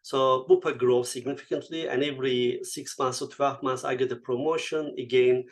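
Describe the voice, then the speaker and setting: A man's voice: medium pitch, steady tone, normal speed. A man in his fifties from Turkey with a Turkish accent, a guest speaker answering interview questions reflectively, with frequent fillers and non-native English phrasing.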